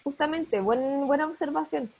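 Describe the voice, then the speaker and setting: A woman's voice: high-pitched, moderate pace, creaky, darkish tone, dull audio, a little hiss or hum. Woman teacher on a video call. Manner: patient, explains each word step by step. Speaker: primary school teacher. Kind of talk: online class explanation.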